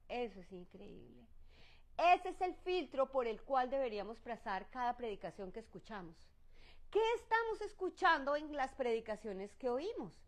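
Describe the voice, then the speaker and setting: A woman with a soft, high voice teaching a church Bible study. She is lively and expressive, with her pitch swooping up and down. She often slips in exclamations in English.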